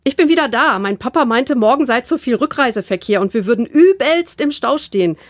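A woman reading a children's book aloud and voicing an excitable, insistent young girl. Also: on the high side, brisk, dry recording, studio quality, voice pushed up, close to an everyday voice. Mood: eager. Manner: eager, insistent. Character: excitable girl, the best friend, bossy and secretive.

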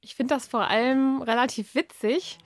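A woman with a fairly high voice reads her novel aloud with expression. In the chat she answers with hesitant fillers. Her voice is recorded close and dry in a quiet studio. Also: moderate pace, no echo. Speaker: author. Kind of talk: radio interview and reading.

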